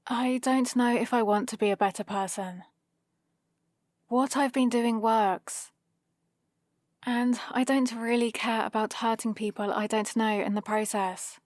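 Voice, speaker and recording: In a dry ASMR roleplay with no room sound, a British woman with a fairly high voice plays a female supervillain. She talks very slowly, hesitant and defensive, her soft exasperation giving away that she cares for the hero. The mood is guarded and conceding.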